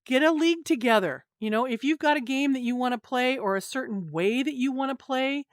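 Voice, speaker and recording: A woman's voice: sits high, brisk, no echo, clean studio sound. A woman co-hosting a casual gaming podcast, talking in a chatty, rambling way with lots of fillers. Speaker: co-host.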